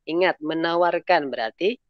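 A man's voice: fairly high pitch, normal speed, clean tone, no echo. Encouraging male English teacher on call. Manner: encouraging, mixes English into explanations. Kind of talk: online class lesson. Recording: dull lo-fi online call audio.

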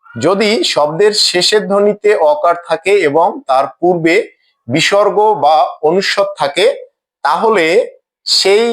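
This teacher's voice is high for a man and a bit bright, and he takes his grammar lesson at an unhurried, careful pace. Each example word comes out twice, as if he were following a script.

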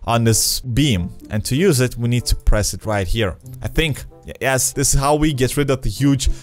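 A young man gives casual gameplay commentary in a mid-pitched voice. He is close to the mic in a small room, with game music playing behind him. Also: normal speed. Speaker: video game let's player. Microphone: close desk microphone with headset.

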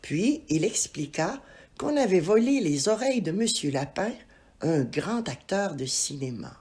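A woman reads a children's story aloud in an expressive, animated way. Her voice is husky and breathy, and she takes an unhurried pace. Her pitch rises and falls widely as she tells it. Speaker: narrator. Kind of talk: storybook reading.

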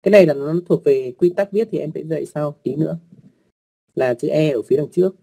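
Guy teaching an online class, dark gravelly voice, a bit husky, patient, repeats himself lots. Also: on the high side, fairly quick. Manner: patient, repeats words, polite particles, many fillers. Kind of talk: explaining writing rules to online learners.

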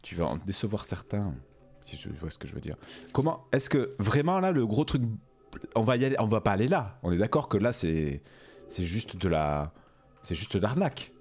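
A man's voice: fairly low pitch, very animated, normal speed, a little mellow, husky. A man streaming a video game, joking and exclaiming as he plays. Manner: playful, jokey, exclamatory. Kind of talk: let's play commentary.

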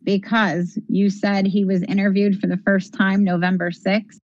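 A woman's voice: medium pitch, flat delivery, moderate pace, a little mellow, dry recording. A woman co-hosting a casual discussion, making her points emphatically and repeating them for stress, on slightly lo-fi audio. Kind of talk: casual discussion of a criminal case.

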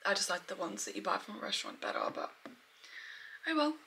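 Bright and forceful, this Australian woman talks fast and expressively at medium pitch as she cooks for her vlog. Her casual chat is thick with "like" and fillers. A camera mic held or propped close records the indoor kitchen's echo and clear background noise.

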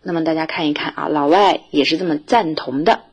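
A woman's voice: low-pitched, a little fast. A woman teacher explaining vocabulary and grammar to students in a recorded lesson, then reading model sentences aloud for them to repeat. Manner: lively, clear explaining tone, reads model sentences for repetition. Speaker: Russian language teacher.

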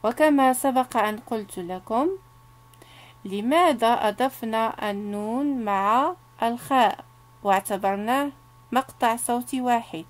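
Woman teacher with a Moroccan accent, slightly high voice, very slow drawn-out syllables, patient reading lesson for children.

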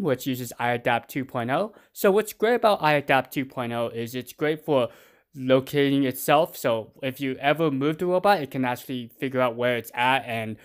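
Upbeat man reviewing a robot vacuum. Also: medium pitch. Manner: upbeat, chatty product explainer. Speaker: host.

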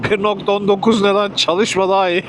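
A man's voice: sits high, level tone, fairly quick, a bit bright, a little hiss or hum. A man from Turkey delivering food by motorbike and ranting in a casual vlog, irritated, swearing and sarcastic. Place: outdoors on a motorbike in city traffic.

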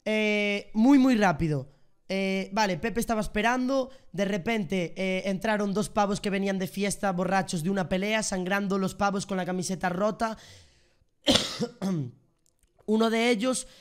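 High-voiced young Spanish man telling a story. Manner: animated, sound effects and slang. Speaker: streamer. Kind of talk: casual storytelling vlog.

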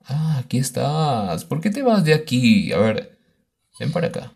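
A man's voice: mid-range voice, big pitch swings, measured pace, gravelly, a little mellow, breathy edge. A man doing let's play commentary of a horror game, exclaiming and talking to the baby on screen. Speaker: gaming YouTuber.

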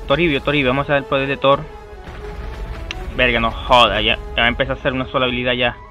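A young man, commentating his gameplay loudly, swearing and shouting at the game. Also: mid-range voice, steady tone, fast talker, lo-fi sound, faint music behind. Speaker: gameplay streamer.

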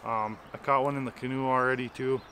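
A man's voice: mid-range voice, little pitch movement, a little fast, bright, forceful tone, slight background noise. Man in his thirties, outdoor fishing vlog, enthusiastic and chatty, faint nature ambience. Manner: enthusiastic, chatty, explains as he fishes. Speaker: fishing vlogger. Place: outdoors on a small river bank and in a canoe.

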